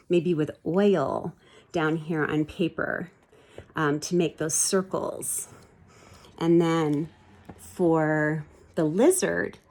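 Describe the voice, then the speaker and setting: In a low, darkish voice, a woman reads aloud from a children's storybook with plenty of expression. She also explains what's in the pictures, much like a teacher.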